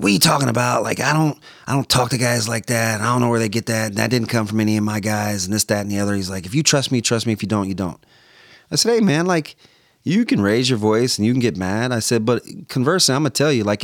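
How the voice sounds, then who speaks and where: A man's voice: on the low side, no echo, clean studio sound. A man, a podcast guest recounting a story and acting out the voices of people he spoke with. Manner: animated storyteller, acts out quoted phone calls. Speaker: podcast guest, former radio host. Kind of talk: casual storytelling interview.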